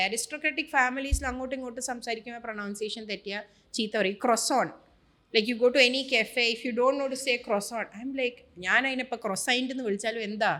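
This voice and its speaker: A woman from Kerala with a Malayali accent, speaking as a guest on a casual podcast. She is animated and emphatic, moving freely between Malayalam and English. Her voice sits slightly higher than most women's. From Kerala, India.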